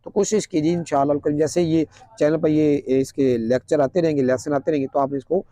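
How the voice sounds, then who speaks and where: A man with a Pakistani Urdu accent teaches a religious lesson, speaking in an earnest, explanatory way. His voice sits fairly high. He slows right down to recite Arabic lines, and the recording is dry and close. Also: steady tone, warm tone, no room sound. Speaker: Quran teacher.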